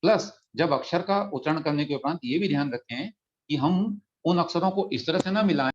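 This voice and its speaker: A man teaching a religious text in an online class, patiently explaining pronunciation and slowly chanting verses. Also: on the high side, a little hiss or hum. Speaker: scripture teacher. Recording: dull lo-fi audio.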